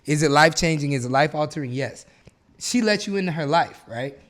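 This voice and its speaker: A man's voice: a little high, lively intonation, fairly quick, fairly bright tone. A man hosting a casual podcast, arguing his points emphatically and repeating phrases to drive them home. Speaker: podcast host.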